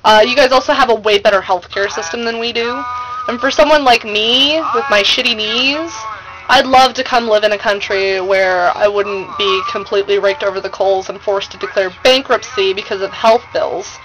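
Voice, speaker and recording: A woman's voice: mid-range voice, fairly even intonation, moderate pace, poor audio. An American woman chatting casually to her vlog audience in a gushing, slangy, emphatic way. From United States. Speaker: vlogger. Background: music playing.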